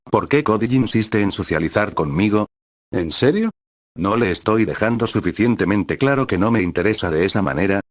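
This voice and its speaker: A man voicing a blunt, sarcastic teenage girl camper, firm and exasperated, in his own low voice. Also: no echo, clean studio sound.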